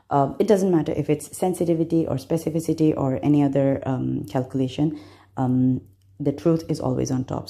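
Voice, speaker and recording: A woman's voice: deep voice, creaky, mellow. A woman from Bangladesh, a medical student walking through exam concepts step by step, patient, with frequent fillers.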